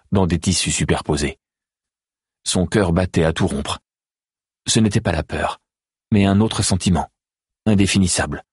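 A man reading a novel aloud as an audiobook narrator, in a measured, even manner. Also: low-pitched, breathy edge, dry recording, clean studio sound. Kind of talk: scripted narration.

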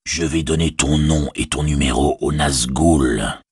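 A big, brutish male orc soldier menaces in a low, husky growl. A man reads him in an audiobook. The sound is dry and close. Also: expressive, normal speed, sharp tone, dry recording, full character voice. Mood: menacing.

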